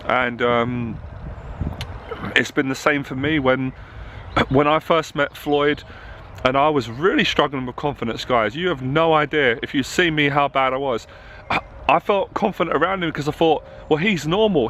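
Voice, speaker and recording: A man's voice: medium pitch, normal speed, fairly bright tone, a little hiss or hum. A man who coaches confidence, talking openly to camera and getting passionate and emotional. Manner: open and emotional, growing passionate. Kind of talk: candid talk to camera. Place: outdoors in a town.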